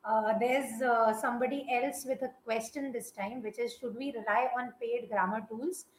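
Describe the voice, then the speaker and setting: A woman's voice: fairly high pitch, steady tone, moderate pace, echoey room, poor audio. A woman from India, hosting a casual chat and giving emphatic, opinionated takes. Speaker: host. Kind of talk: casual live-stream chat.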